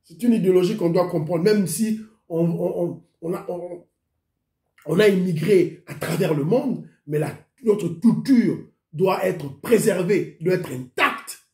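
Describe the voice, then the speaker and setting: A man with a Congolese accent chats with his viewers, thanking commenters one after another by name. His voice sits high for a man. The sound rings around an echoey room. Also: unhurried, warm tone. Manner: greets commenters by name, mixes in Lingala. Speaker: YouTube show host. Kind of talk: casual chat with viewers.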